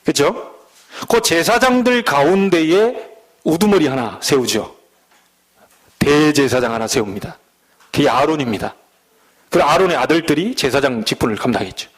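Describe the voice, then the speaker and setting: A middle-aged man from the Jeolla region preaching a sermon as pastor, folksy, with loud emphatic peaks and low asides. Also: lively intonation, moderate pace, long pauses, breathy edge. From Jeolla, Korea.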